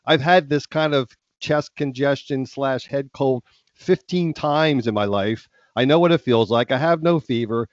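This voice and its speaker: A podcast co-host, middle-aged and congested from a head cold, rambles through casual talk, restarting often and saying um a lot. He has a medium-pitched voice and speaks a little slowly. The recording has no room sound and comes across dry and somewhat dull.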